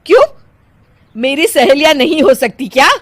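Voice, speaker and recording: A woman's voice: high-pitched, very animated, moderate pace, no room sound. A woman playing a scolding mother-in-law. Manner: scolding, exasperated. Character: middle-aged mother-in-law, proud but easily annoyed.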